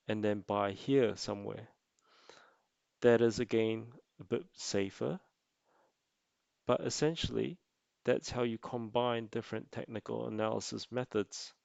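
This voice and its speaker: A man narrating an explanatory tutorial as an amateur presenter, speaking haltingly in short phrases. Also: on the low side, gravelly, a little mellow, no room sound, dull audio. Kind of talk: explanatory investing tutorial voice-over.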